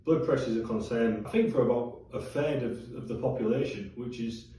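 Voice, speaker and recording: A man's voice: medium pitch, a little fast, warm tone, slight background noise. A man talking casually in a candid video diary, swearing now and then as he chats. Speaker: vlogger. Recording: very echoey room, distant mic.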